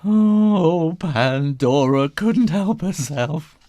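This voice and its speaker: Reading a children's story with suspense and flair, this man speaks very slowly in a warm, slightly high, animated voice. He lengthens words, drops to whispers, and plays with onomatopoeia and repeated phrases.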